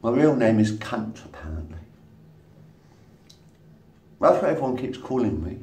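This vlogger, a man in his fifties, rambles casually to camera while swearing and laughing at his own jokes, filmed at arm's length on a phone in a small room. He speaks at normal speed in a mid-range, sing-song voice with a darkish tone. A distant mic gives roomy echo and faint background noise.

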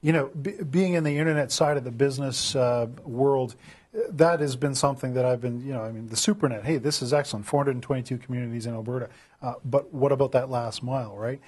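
A man's voice: medium pitch, steady tone, fast talker, darkish tone, breathy edge. A man hosting a casual studio interview, chatty and rambling with lots of fillers, with a Canadian accent. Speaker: host.

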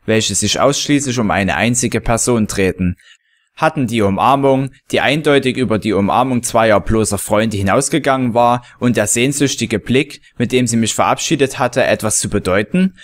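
Guy reading a story out loud, steady first-person narration, medium voice. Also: mid-range voice, moderate pace. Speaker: reader of a fan story.

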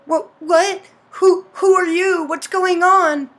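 A man voicing a frightened young woman in a game, in a put-on high female voice, breathless and pleading. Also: takes it slowly, gravelly, fairly bright tone, soft background music, exaggerated voice. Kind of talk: game dialogue read aloud.

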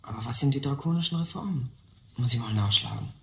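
Speaking fast in a natural, mid-range, somewhat bright voice, this performer plays a brash teenage schoolboy in a German radio play: impatient, distracted, slangy, grumbling and muttering to himself. The recording sounds roomy with a little background noise.

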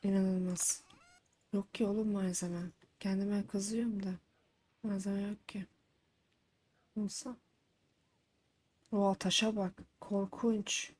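A woman's voice: mid-range voice, flat delivery, slow, pauses often, darkish tone. Chatty young woman streamer, exasperated. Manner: chatty, exasperated outbursts, talks to game characters. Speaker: gaming streamer. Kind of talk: live let's-play commentary. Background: faint game music.

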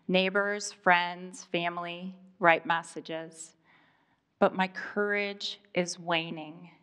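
A woman in her fifties from Iowa performs a personal monologue on a live stage, speaking deliberately with dramatic pauses. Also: fairly low pitch, flat delivery, a bit bright, smooth. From Iowa, USA. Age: 50s. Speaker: storyteller.

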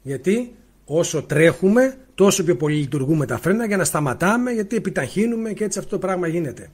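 High-pitched male spiritual teacher, talking loud and emphatic over a bad mic on a live stream. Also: animated, breathy edge. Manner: loud, emphatic, asks rhetorical questions. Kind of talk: livestream talk. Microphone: faulty mic, spoken loudly into it.

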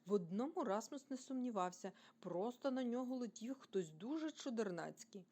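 A woman from Ukraine reading a children's bedtime story aloud, expressive and animated, speaking directly to young listeners. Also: a little high, normal speed.

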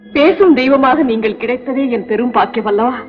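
An actress playing an earnest young princess who speaks in formal, measured, poetic phrasing. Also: female voice, on the high side, lightly acted. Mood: devoted, pleading. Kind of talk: 1960s film acting. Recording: muffled old film soundtrack with music.

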